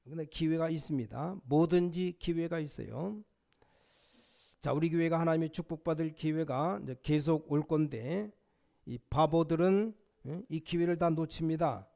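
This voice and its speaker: Emphatic pastor preaching, higher voice. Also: male voice, normal speed, vocal fry. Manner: emphatic preaching, voice rising to near-shouts on quotes. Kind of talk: sermon.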